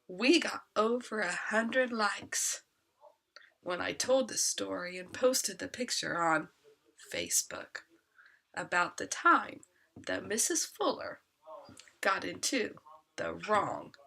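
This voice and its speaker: A woman telling a first-person story in an animated, dramatic way. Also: mid-range voice, takes it slowly, creaky, long pauses.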